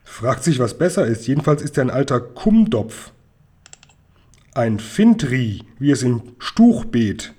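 Cheeky eager boy sidekick from a storybook, husky, voiced by a man reading aloud. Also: mid-range voice, sing-song, measured pace, warm tone. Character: cheeky eager boy playing word games.

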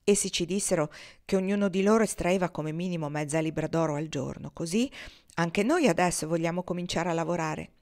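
A woman reading the lines of an eager, chatty male gold prospector in a storybook reading, with a lively storytelling tone. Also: on the low side, fairly quick, close to an everyday voice.

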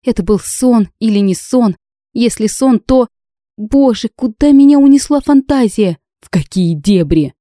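A woman's voice: on the high side, animated, measured pace, dark tone, dry recording, studio quality, voice pushed up. Woman voicing a flustered young heroine.

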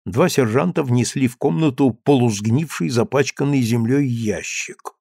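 A man reading a novel as an audiobook narrator, in measured, deliberate storytelling phrases with a dramatic touch. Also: medium pitch, vocal fry, a little mellow, husky, no room sound, clean studio sound.

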